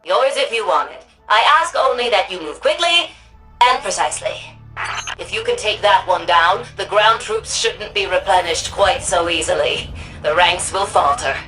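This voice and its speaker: An actress playing an authoritative, wry older female city administrator in a sci-fi game, delivering scripted mission dialogue in a crisp, commanding manner. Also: mid-range voice, pushed and bright, rough recording. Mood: brisk, businesslike.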